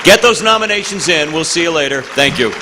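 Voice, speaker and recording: A man's voice: fairly high pitch, animated, brisk, big-room sound, background noise. A man hosting an awards ceremony, wrapping up with upbeat thanks and announcements. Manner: upbeat, rallying the crowd. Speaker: ceremony host. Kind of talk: closing announcements. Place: large hall at a ceremony. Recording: crowd and music behind. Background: crowd and music.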